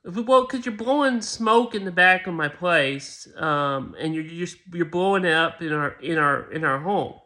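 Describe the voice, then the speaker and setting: A flustered male neighbor stammers in indignation, his voice pitched a touch high and bright, as a man quotes him in a story. He sounds defensive and baffled, tripping over his own words. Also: unhurried, few pauses. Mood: indignant.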